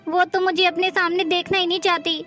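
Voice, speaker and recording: A woman playing a meek, unhappy daughter-in-law who quietly laments how she is treated, in a family drama skit. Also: very high-pitched, level tone, a little fast, soft background music. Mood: sad. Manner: plaintive, soft-spoken.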